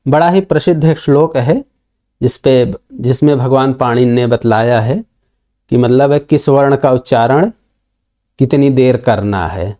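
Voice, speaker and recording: A man gives a recorded online lesson in a mellow, darker voice at a medium pitch. He talks patiently and walks through each verse line by line. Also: measured pace. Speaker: Sanskrit grammar teacher.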